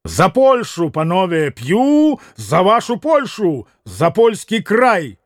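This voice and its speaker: A man's voice: high-pitched, lively intonation, takes it slowly, no room sound, studio quality. A man reading aloud as an impulsive young man, exclaiming eagerly. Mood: excited. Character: impulsive excitable young man toasting loudly.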